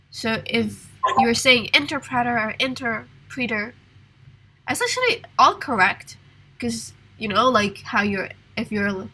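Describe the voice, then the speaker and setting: A woman's voice: fairly high pitch, pushed and bright, breathy edge, low-quality recording. A woman teaching an English class over a video call, patient and encouraging, talking with a sore throat. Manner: patient, encouraging, reads exercises aloud.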